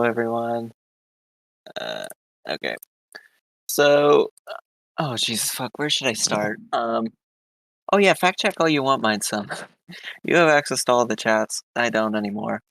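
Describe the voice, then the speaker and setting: A man's voice: mid-range voice, animated, a little slow, long pauses, a bit bright, no echo. A man joining a livestream as a guest, speaking casually in an offhand, flustered way and swearing often. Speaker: guest on stream. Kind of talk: casual chat.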